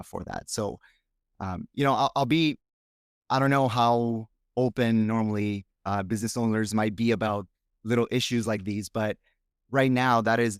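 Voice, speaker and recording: A Romanian man, a native Romanian speaker, talks as a podcast guest in a casual interview, frank and reflective as he thinks aloud. His voice is fairly low, recorded cleanly in a studio with no room sound.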